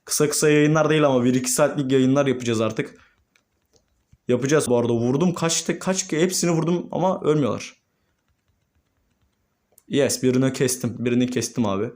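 A young man, a gaming YouTuber, commentating his own gameplay and swinging between calm murmurs and excited shouts. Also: mid-range voice, fairly quick, long pauses.

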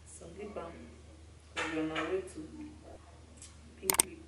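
In an unhurried, lowish voice, a young Nigerian woman talks casually to camera for her vlog from a hotel room. She's chatty and relaxed, her sentences running into each other. The arm's-length handheld camera mic gives a roomy recording with clear background noise.

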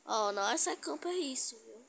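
Gravelly woman commenting on a game. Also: fairly high pitch, lively intonation, brisk, fairly bright tone, slight background noise. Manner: chatty, talks to viewers, teasing opponents. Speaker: gaming streamer. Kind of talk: casual gameplay commentary.

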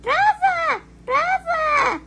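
A woman voicing a shrill, swooning woman who squeals and cries out in drawn-out shouts. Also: expressive, vocal fry, a little hiss or hum, full character voice.

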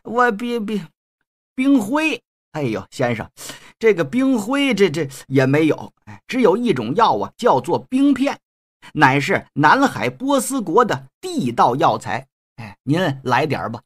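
A man's voice: a little high, wildly swooping pitch, a little slow, full character voice. A man doing a stammering, fawning doctor. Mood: flustered. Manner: nervous, stammering, obsequious. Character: timid, fawning male apothecary doctor.

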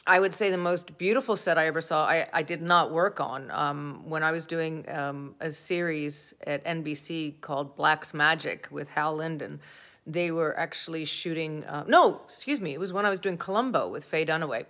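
Chatty low-voiced woman telling stories. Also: normal speed, a bit bright. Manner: chatty, self-deprecating, laughs while telling stories. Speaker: actor answering fan questions. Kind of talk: casual anecdotal storytelling.

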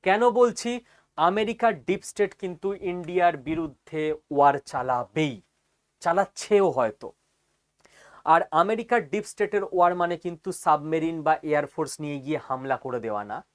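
A man's voice: a little high, lively intonation, moderate pace. A man giving an explainer lecture as a teacher, speaking emphatically and often checking that listeners follow.

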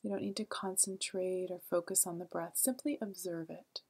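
With a lowish, soft and breathy voice, a woman talks listeners through a guided meditation. Her delivery is gentle, calm and soothing, marked by long pauses.

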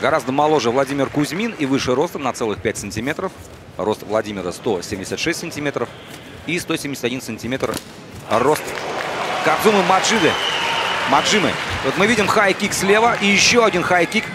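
A man's voice: on the high side, expressive, brisk, noisy background. A man giving live sports commentary on a fight. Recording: arena music and crowd behind voice. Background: music and crowd.

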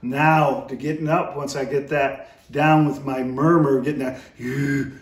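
A man's voice: a little high, level tone, measured pace. A middle-aged man giving a casual, folksy, rambling instructional demonstration as a calling coach. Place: indoor room with brick fireplace. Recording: roomy, echoey, distant microphone.

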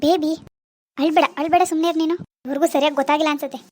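A proud, wealthy mother in an animated drama, voiced by a woman. She brushes people off with scorn and pushy confidence. Her voice sits very high and the words come quickly. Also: lightly acted. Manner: scornful, dismissive, brash. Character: rich, haughty mother of adult daughter. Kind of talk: Kannada cartoon drama voicing.

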